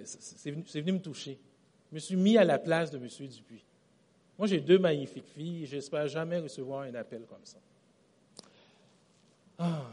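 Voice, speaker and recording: A man preaching a sermon with a Quebec French accent, telling stories in an animated way and often repeating and correcting himself. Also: fairly high pitch. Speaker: pastor.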